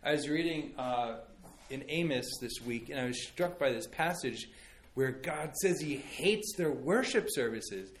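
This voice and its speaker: A man's voice: medium pitch, expressive, a little slow, slight background noise. A man in his thirties, a pastor giving a conversational sermon and telling stories with many fillers and restarts.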